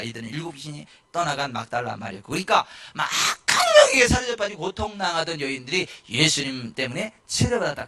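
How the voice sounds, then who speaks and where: A male pastor giving a lively sermon in a church, rising to shouts and acting out the people in his stories. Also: on the high side. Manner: animated, shouting at peaks, mimicking people.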